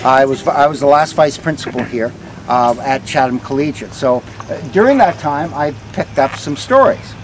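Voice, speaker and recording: An older man tells stories conversationally as a tour guide to a walking group, pausing hesitantly and letting line ends trail off. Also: medium pitch, animated, low-quality recording. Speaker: ghost walk guide, former vice principal. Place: outdoors on a town street. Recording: outdoor street recording with faint traffic noise.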